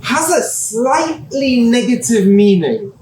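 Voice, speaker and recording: A middle-aged university lecturer from England teaches a class in a relaxed, good-humoured way, working through examples and laughing at himself. His fairly high voice sounds distant from the mic, in a room with noticeable echo and a faint hum of ambience.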